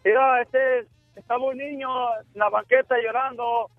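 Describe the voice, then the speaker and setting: A man's voice: very high-pitched, steady tone, moderate pace, over music. A man calling in to a radio show, telling a joke in a casual, slangy way. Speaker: radio caller. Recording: dull phone-in line.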